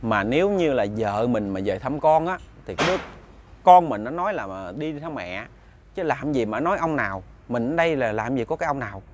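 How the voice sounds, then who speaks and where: A man's voice: mid-range voice, lively intonation, fairly quick, slight background noise. A man with a Southern Vietnamese accent telling a ghost story in a chatty, casual way, speaking directly to his listeners.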